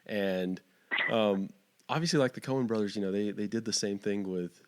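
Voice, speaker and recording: A man from Texas hosts a relaxed podcast chat. He rambles and searches for his words, with plenty of fillers. His voice sits on the low side. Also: normal speed, smooth. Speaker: podcast host. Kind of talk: casual interview chat.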